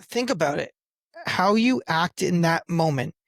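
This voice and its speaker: Animated man telling parenting stories. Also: fairly high pitch, measured pace, creaky, no echo, clean studio sound. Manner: animated storyteller who acts out quoted lines. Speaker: podcast co-host, father. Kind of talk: casual chat about parenting.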